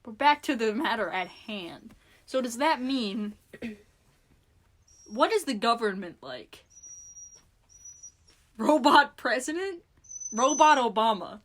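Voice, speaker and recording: A young woman co-hosting a casual podcast, joking and animated and swearing freely. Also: on the high side, slow, long pauses. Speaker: podcast co-host. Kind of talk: casual chat.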